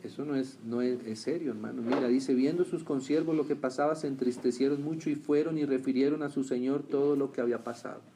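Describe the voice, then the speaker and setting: A man preaching a sermon who keeps asking his listeners questions and answering them, rising loud on key lines and dropping low and quiet on others. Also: fairly even intonation, quick pace, hardly any pauses, slight background noise. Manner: swings between raised emphatic lines and quiet low remarks.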